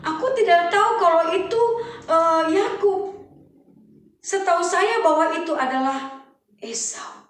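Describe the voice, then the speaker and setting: A woman's voice: extremely high pitch, measured pace, long pauses, voice pushed up. A grave, sorrowful old father speaking in heavy, solemn words, as a woman acts him out for children. The voice echoes through a large hall, picked up from a distance. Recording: echoey hall, mic far off.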